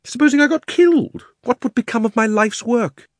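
A man's voice: extremely high pitch, moderate pace, dry recording, clean studio sound, voice pushed up. A man voicing a pompous, cruel old uncle who is a self-important magician in a storybook, with a haughty, indignant, condescending manner. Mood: outraged, grandiose. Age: older. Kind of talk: dramatised storybook reading.

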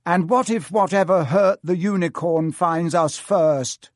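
A man's voice: high voice, animated, takes it slowly, fairly bright tone, no room sound, clean studio sound, pitched above the performer's own voice, exaggerated voice. A man voicing a spoiled, haughty schoolboy whose arrogance slips into fear. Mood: scared haughty.

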